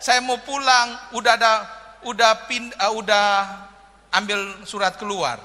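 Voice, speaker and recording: A man's voice: high voice, steady tone, unhurried, bright, forceful tone, long reverb tail. A man preaching a sermon in a joking, humorous way, often calling out "amin" to the congregation. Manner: humorous, jokey preaching with frequent "amin" calls. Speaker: pastor.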